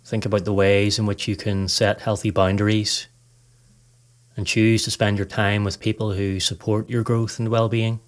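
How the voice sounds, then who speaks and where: Speaking calmly and evenly from a script, a low-voiced man guides a meditation, his pitch barely moving. He addresses listeners with soft instructions in the manner of a podcast host.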